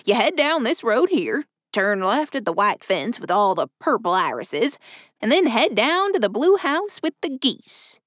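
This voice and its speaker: A woman's voice: a little high, big pitch swings, unhurried, fairly bright tone, no room sound, studio quality, heavily acted. A woman voicing a chatty old male station master who rambles in a folksy way.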